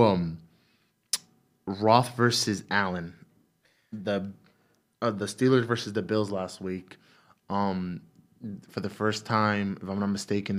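A man with a fairly low voice chats about football, listing teams and playoff odds. He rambles and trips over his words, circling back to repeat points as he thinks aloud. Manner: rambling, repeats himself, breaks down stats and picks. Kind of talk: casual sports chat.

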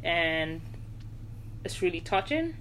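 A woman's voice: on the low side, very animated, takes it slowly, a bit bright, a little hiss or hum. A young woman from Nigeria co-hosting a casual podcast, telling her story in an earnest, reflective way. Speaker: podcast co-host. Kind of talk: casual chat.

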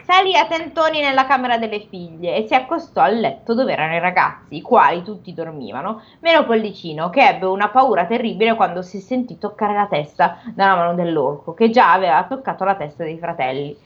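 A woman's voice: medium pitch, expressive, fairly quick, hardly any pauses, muffled recording. A woman co-hosting a podcast, reading a fairy tale aloud and chatting about it playfully, sometimes tripping over words. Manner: playful, stumbles and chuckles over the text. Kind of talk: reading aloud with casual chat.

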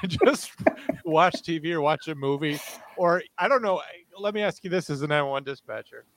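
A man's voice: fairly high pitch, normal speed, noisy background. A man in his thirties hosting a casual podcast, rambling and teasing his guests with jokey questions. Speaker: podcast host.

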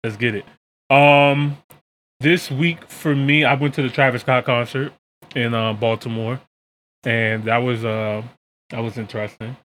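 A man's voice: mid-range voice, steady tone, a little slow, fairly bright tone. An American man hosting a podcast, chatting casually in a colloquial, slangy way. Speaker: podcast and reaction video host. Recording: clear background noise.

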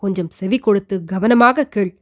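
A woman's voice: medium pitch, pitched below the performer's own voice, lightly acted. A woman voicing an elderly, devout queen mother who earnestly recounts her past to her son in an audiobook reading. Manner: earnest, measured storytelling. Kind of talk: audiobook reading of a historical novel.

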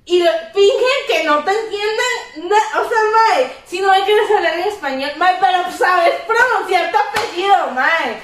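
A woman's voice: very high-pitched, a bit bright. A young Costa Rican woman ranting animatedly in casual podcast chat and switching between Spanish and English. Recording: echoey room, far from mic.

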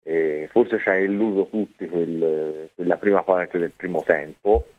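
Low voiced guy calling into radio, bit hoarse, casual reflective sports talk, phone sound. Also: steady tone, a little slow. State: slightly hoarse, voice partly lost. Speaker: sports journalist guest. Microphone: phone call into radio. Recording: tinny phone line.

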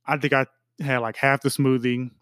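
Young man, smooth resonant voice, dry close sound, relaxed podcast chat. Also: mid-range voice, normal speed, dry recording. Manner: relaxed, reflective, with many fillers and restarts. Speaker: podcast co-host. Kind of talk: casual chat.

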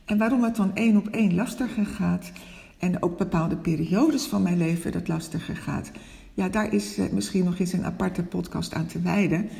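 A woman coach hosting her own podcast who speaks gently and openly in a reflective monologue, stutters now and then, and swaps in other words. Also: fairly low pitch, normal speed, creaky, long reverb tail.

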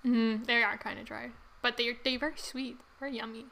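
Young woman co-host, bright and fairly high voice, bubbly, giggly chat. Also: steady tone, brisk, vocal fry, a little hiss or hum. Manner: bubbly, giggly, lots of fillers. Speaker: podcast co-host. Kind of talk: casual chat.

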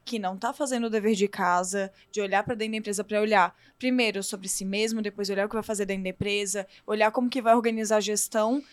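A woman's voice: medium pitch, steady tone, fast, few pauses, clean tone, dry recording. A woman hosting a podcast conversation, making her point earnestly and building it through repetition.

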